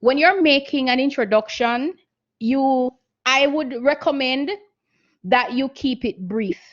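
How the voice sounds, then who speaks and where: A woman lectures on diction to an online seminar, her slightly high voice coming through a muffled video call. She speaks earnestly and instructively, circling back to repeat her main points. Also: slow. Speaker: guest speaker. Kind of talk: online seminar talk on voice training.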